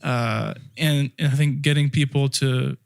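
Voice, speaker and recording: Here a young male podcast co-host who grew up in France works through ideas in a casual discussion, often restarting his phrases as he thinks. He has a steady, creaky mid-range voice and speaks a little slowly, recorded in a studio with no echo.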